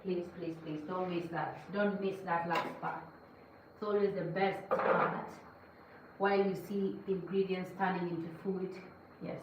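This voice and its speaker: A woman's voice: lowish voice, steady tone, unhurried, highs cut off. Woman, cooking stream host, casual and preachy, roomy kitchen sound with background noise. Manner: chatty, lecturing viewers. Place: home kitchen. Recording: echoey kitchen, mic at a distance.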